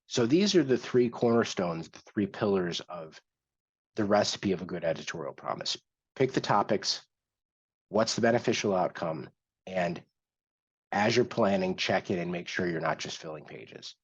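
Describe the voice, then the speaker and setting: A man's voice: lowish voice, husky. A man hosting an instructional workshop, explaining step by step in a conversational way with some restarts. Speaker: workshop host. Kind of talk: instructional screen-share workshop. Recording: dull lo-fi sound.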